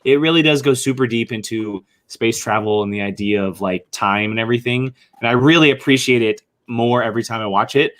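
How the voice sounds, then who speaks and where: Male podcast co-host, even middle voice, relaxed chat with laughs. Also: medium pitch, brisk, hardly any pauses. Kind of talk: casual chat.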